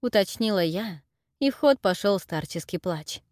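A woman narrates a story in the first person with a lively, expressive reading. Her pitch moves a lot, and the recording is dry and close. Her voice sits in a middle register for a woman. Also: moderate pace, no room sound. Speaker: audiobook narrator.

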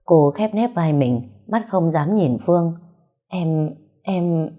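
A woman narrating a romance story, with even, unhurried reading. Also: deep voice.

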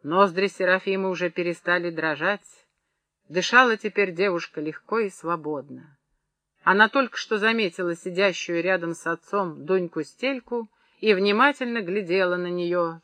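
A man reading a novel aloud as audiobook narrator, telling the story in an expressive, measured way. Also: high-pitched, no echo. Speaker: audiobook reader. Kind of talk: scripted literary narration.

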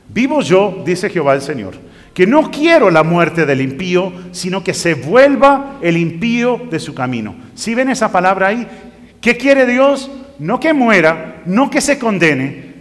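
A man preaching a sermon, reading scripture aloud and rising to emphatic bursts. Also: high voice. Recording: long reverb of a hall.

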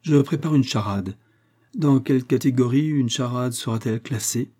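A man voicing a jovial, eager gentleman in an audiobook reading, hasty and cheerful. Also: medium pitch, moderate pace, husky, close to an everyday voice.

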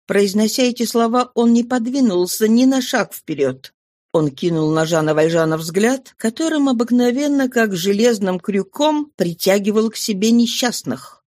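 A woman's voice: mid-range voice, darkish tone, no room sound. A woman narrating a novel as an audiobook, reading expressively and dramatically.

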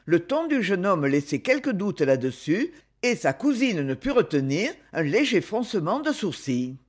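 A man reading a classic novel aloud in a measured literary way. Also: high voice, big pitch swings. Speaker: audiobook reader. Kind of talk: novel narration.

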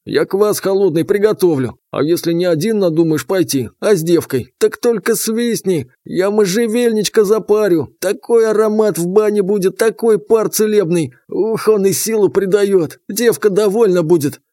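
A man's voice: sits high, moderate pace, few pauses, warm tone, no room sound, studio quality, pitched above the performer's own voice, lightly acted. A man voicing an eager, earnest bathhouse spirit in an audiobook. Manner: earnest, enthusiastic, pleading.

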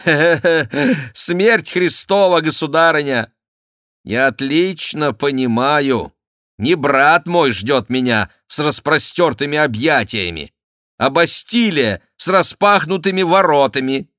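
A man's voice: fairly low pitch, animated, moderate pace, fairly bright tone, no echo, clean studio sound. A man voicing a proud, sly young royal duke who answers his mother with emphatic, indignant exclamations. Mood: defiant.

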